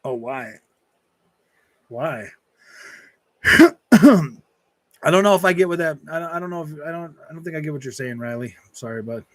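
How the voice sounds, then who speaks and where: With a little high, expressive voice and a fairly bright tone, this man takes his time, leaving long pauses. He's an early-forties gaming streamer in casual livestream chat, answering and reading viewer comments while rambling, repeating himself and throwing around slang like dude, man and bro. There's no echo.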